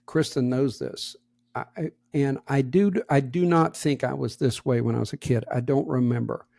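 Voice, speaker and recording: Middle-aged male podcast co-host, gravelly voice, casual storyteller, dry close mic. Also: mid-range voice, moderate pace, dry recording. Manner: animated anecdote teller, acts out quotes.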